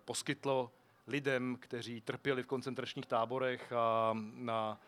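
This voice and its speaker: A foundation director on a festival panel, a man explaining in a measured way with frequent fillers on a shared handheld microphone. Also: mid-range voice, level tone, fairly bright tone, clean tone. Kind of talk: panel discussion answer. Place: outdoor street festival stage.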